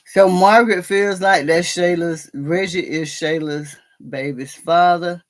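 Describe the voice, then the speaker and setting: A woman's voice: fairly low pitch, steady tone, unhurried. A middle-aged woman, hosting a casual live chat, laughing often and telling stories in a drawl. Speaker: livestream host discussing a TV drama.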